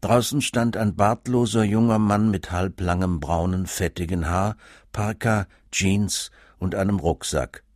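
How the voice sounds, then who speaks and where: A man reading a humorous story aloud with a wry, animated delivery. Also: deep voice, a little slow, dry recording, studio quality.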